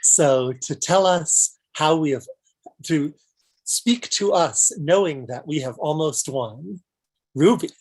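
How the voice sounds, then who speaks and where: A woman hosting an informal event, introducing performers in a halting, searching way. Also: deep voice, lively intonation, a little mellow, slightly rough, poor audio.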